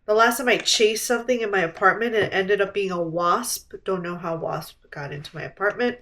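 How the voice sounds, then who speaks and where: A young woman chatting to her camera in her apartment kitchen, her voice stuffy and congested from a blocked nose. She rambles in a loose, casual way with a mildly irritated edge, at a middle pitch. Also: brisk, fairly bright tone. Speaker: vlogger.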